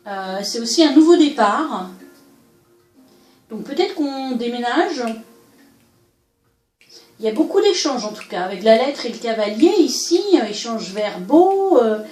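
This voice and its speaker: A woman doing a solo oracle card reading, musing aloud and pausing often with hesitations as she interprets each card. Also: fairly high pitch, darkish tone, roomy sound, low-quality recording. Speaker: card reader. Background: faint background music.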